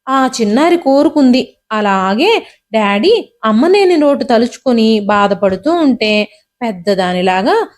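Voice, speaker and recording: A woman narrating an emotional family story in a steady, expressive reading. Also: sits high.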